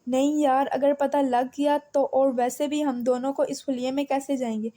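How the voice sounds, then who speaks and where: A woman's voice: sits high, fairly even intonation, mellow, lightly acted. A woman voicing a cautious young woman who keeps warning her friends. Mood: worried.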